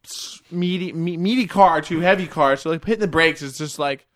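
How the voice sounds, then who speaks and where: A young man telling a rambling, animated story in casual chat, swearing freely and laughing through it. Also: a little high, normal speed.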